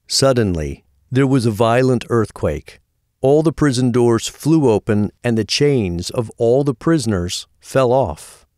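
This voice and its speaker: A man narrates a Bible story in a calm, steady storytelling voice. His pitch sits in an ordinary middle range. The recording is a dry, close studio voice-over with no room sound. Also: measured pace, no room sound.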